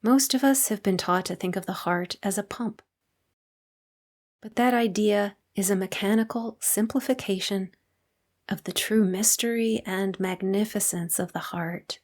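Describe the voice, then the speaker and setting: Here a meditation teacher, a woman with a mid-range voice, leads a guided session. She speaks unhurriedly and soothingly, calm throughout, pausing at length.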